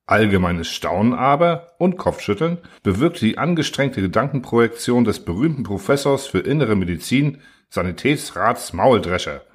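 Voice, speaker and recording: A man narrating a literary story in an audiobook, with a measured, even delivery. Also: fairly low pitch, slightly rough.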